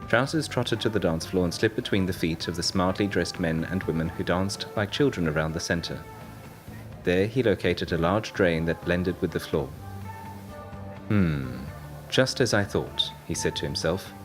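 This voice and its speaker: A man narrating an audiobook story in a steady, measured way. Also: deep voice. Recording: narration over loud music.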